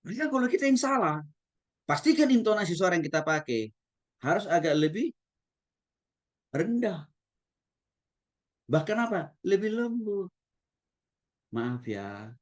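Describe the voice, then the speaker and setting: A man who is a pastor, lecturing at a Bible school in an animated way and often addressing his listeners directly. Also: high-pitched, moderate pace, long pauses. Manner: animated, demonstrates tones of voice, addresses the audience often. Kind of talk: theology lecture.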